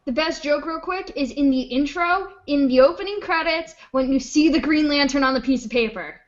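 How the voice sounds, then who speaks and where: A young woman co-hosting a podcast, chatting casually and jumping in with jokes. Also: high-pitched. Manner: chatty, quick to jump in with jokes. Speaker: podcast co-host. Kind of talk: casual chat. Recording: dull lo-fi sound.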